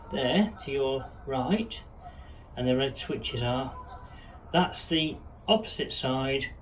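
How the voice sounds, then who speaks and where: A man giving a casual, rambling video tour of his boat, filmed indoors on a handheld camera. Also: medium pitch. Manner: chatty, rambling, with fillers. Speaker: vlogger showing his boat. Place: narrowboat cabin, indoors.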